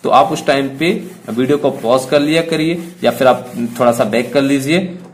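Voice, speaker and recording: A man's voice: mid-range voice, moderate pace. A man teaching grammar to students in Hindi mixed with English words, asking and answering his own questions as he goes. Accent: Indian English words in Hindi speech.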